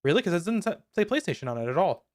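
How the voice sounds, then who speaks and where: A man co-hosting a podcast, giving quick wry commentary while reacting live. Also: sits high, very animated. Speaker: podcast co-host. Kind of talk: casual live reaction chat.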